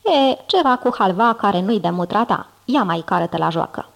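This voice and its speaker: Gruff old monster uncle, a woman doing the voice, folksy drawl, storybook reading. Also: mid-range voice, lively intonation. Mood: grumbling. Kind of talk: audiobook character reading.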